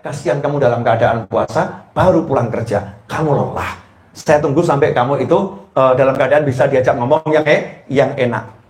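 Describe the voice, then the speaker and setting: A man voicing a patient young wife in a sermon story, speaking softly and calmly. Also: mid-range voice, normal speed, roomy sound, pitched below the performer's own voice, lightly acted.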